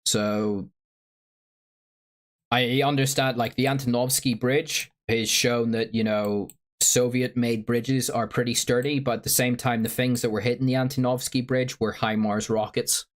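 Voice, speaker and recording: A man's voice: medium pitch, fairly even intonation, a little slow. A man with a sore throat, livestreaming casual commentary and reading out viewer chat in a rambling, filler-heavy way. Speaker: stream host.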